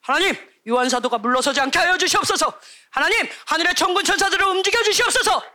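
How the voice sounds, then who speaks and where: A young woman preaching a lively sermon to children at a church camp, telling stories and acting out the children's voices. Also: very high voice, quick pace.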